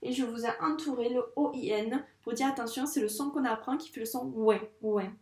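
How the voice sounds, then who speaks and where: A woman teaching a reading lesson to young children, speaking slowly and patiently with careful articulation. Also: a little high, roomy sound. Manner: slow, patient, clearly articulated. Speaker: first-grade teacher.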